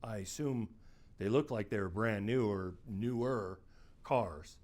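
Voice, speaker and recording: A middle-aged private investigator recounts one of his cases in the first person, plain-spoken and conversational, quoting people from the story. His voice is on the low side, slow, and a little mellow.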